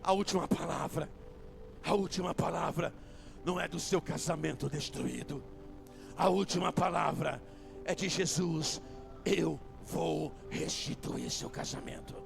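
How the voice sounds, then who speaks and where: A man preaching a fiery sermon as a bishop in a church, with a Brazilian accent, shouting in repetitive refrains and then dropping to a hush. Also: fairly high pitch, unhurried, creaky. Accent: Brazilian Portuguese. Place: church sanctuary. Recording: music playing behind the voice.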